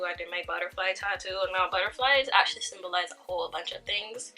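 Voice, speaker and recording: Bright-voiced young woman vlogger. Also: medium pitch, poor audio. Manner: chatty, laughs often between stories. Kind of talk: casual chat.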